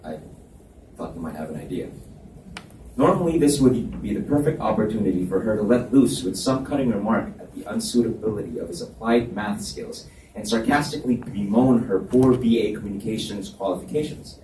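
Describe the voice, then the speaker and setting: At a live reading in an echoey indoor room, a man narrates a scripted romance story in a warm, low voice at a slightly fast pace. The mic is distant and there's background noise.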